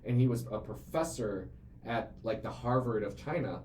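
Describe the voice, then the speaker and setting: Speaking at a normal speed with a medium-pitched, darkish, expressive voice, a CEO in his late twenties hosts a casual business podcast. He talks earnestly and rambles at length, leaning on fillers and repeating words. Faint ambient noise and a roomy echo fill the recording.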